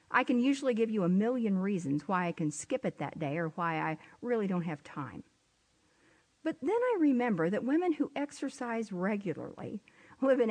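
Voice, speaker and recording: A woman teaching a sermon from Scripture, expressive and sometimes dropping to a near-whisper for emphasis. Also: fairly high pitch, breathy edge. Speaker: Bible teacher.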